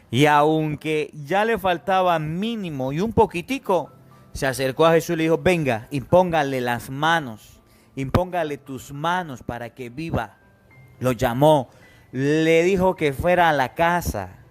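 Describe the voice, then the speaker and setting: A man, a priest giving an emphatic gospel homily who calls his listeners to attention and acts out the pleas he quotes. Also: on the high side. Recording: faint music behind.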